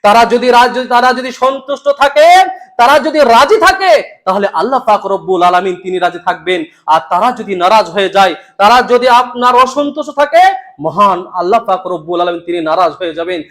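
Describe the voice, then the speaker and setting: A man preaching a Friday sermon in a West Bengal Bengali accent, his voice pitched high. He repeats his points with emphasis, swings from stern raised rebukes down to quiet low lines, and recites verses to the congregation. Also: lively intonation, normal speed. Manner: emphatic, repetitive, rising to stern rebukes then dropping low.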